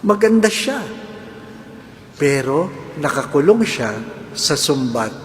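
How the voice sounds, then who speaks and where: A priest giving a humorous homily, keeping the congregation involved with constant questions back to them. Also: male voice, a little high, slow, slight background noise. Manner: animated, jokes, keeps asking the congregation "di ba?". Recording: echoey church hall with faint ambience.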